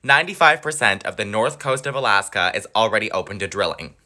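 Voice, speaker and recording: Sassy young man, swooping pitch. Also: expressive, fast talker, sharp tone. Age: young adult. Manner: sassy, blunt and profane. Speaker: comedic content creator. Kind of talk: comedy sketch monologue.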